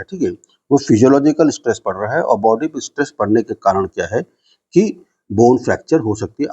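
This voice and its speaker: Husky guy lecturing nursing class, dull lo-fi sound, keeps asking n answering his own questions. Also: mid-range voice, darkish tone. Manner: explains in Hindi, reads English definitions slowly, asks and answers his own questions. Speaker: nursing teacher.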